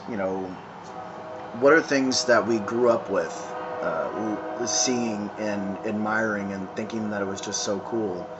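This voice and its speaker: A man in his thirties talking casually to a phone camera outdoors, smoking, with many pauses and restarts. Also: fairly low pitch, muffled recording. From San Francisco, California. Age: 30s. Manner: halting, many ums and restarts, conversational. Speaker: vlogger. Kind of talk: casual rambling monologue. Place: outdoors in town, evening. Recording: phone video with clear background noise.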